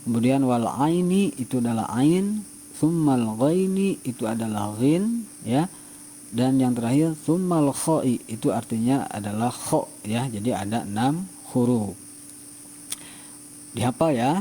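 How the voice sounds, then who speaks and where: A male teacher giving a patient tajwid lesson to students, repeating each example slowly. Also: medium pitch, animated, dark tone, slight background noise.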